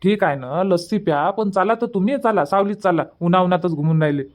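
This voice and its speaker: In this Marathi cartoon comedy, the character is a courteous, busy young man from a village, voiced by a performer who coaxes respectfully in Varhadi Marathi from Vidarbha. The voice sits mid-range with a darkish tone, moving a little fast and only lightly acted.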